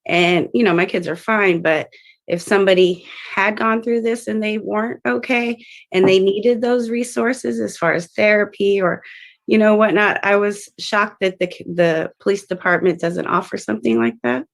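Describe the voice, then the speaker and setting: A woman's voice: medium pitch, steady tone, moderate pace, vocal fry. A woman giving an earnest, hesitant public comment at a community meeting over a video call.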